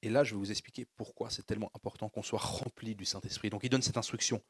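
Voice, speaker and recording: A man's voice: lowish voice, fairly even intonation, quick pace, husky, no echo, clean studio sound. A man preaching a sermon, leading the congregation in call-and-response and building fervor. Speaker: pastor.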